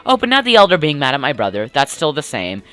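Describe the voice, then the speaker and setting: A man reading a letter from a cheerful, eager young village kid in a chirpy, excited way. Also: fairly high pitch, fast talker, exaggerated voice.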